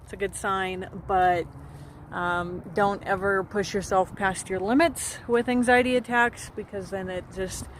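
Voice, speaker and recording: A woman sounding anxious and shaken, speaking haltingly and earnestly to camera in a personal vlog. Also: medium pitch, fairly even intonation, a little hiss or hum. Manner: halting, earnest, with long pauses. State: anxious, shaken during a panic attack. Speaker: mental health vlogger. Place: outdoors beside a parked car.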